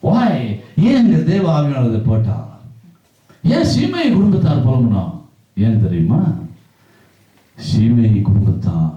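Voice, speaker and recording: A man preaching a sermon in call-and-response style, his voice rising to shouts, recorded from afar in a church hall on a lo-fi recording. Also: medium pitch, big pitch swings, slow pace, long pauses, recorded from a distance.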